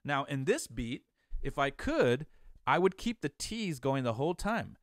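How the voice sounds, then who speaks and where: A man's voice: mid-range voice, sing-song, unhurried, no echo, clean studio sound. A man teaching an online beatbox class, encouraging his students, counting them in and demonstrating the sounds.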